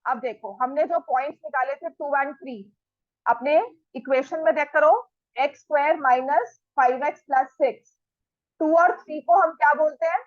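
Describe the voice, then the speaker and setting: Teaching maths to her class at a normal speed, a high-voiced woman keeps making sure the students follow along. She talks straight to them and scolds them firmly. The sound is lo-fi, a little dull, dry, and free of echo.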